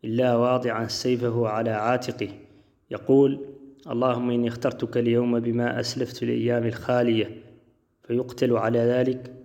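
A man preaching in formal standard Arabic, reciting religious sayings in a measured, formal way as part of a lecture. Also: medium pitch, level tone, darkish tone. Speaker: preacher presenting a lecture series.

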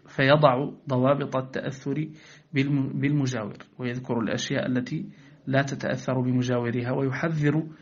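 A man teaching recitation rules, patiently explaining and slowly drawing out example words to contrast correct and wrong pronunciation. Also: medium pitch. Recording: dull lo-fi recording.

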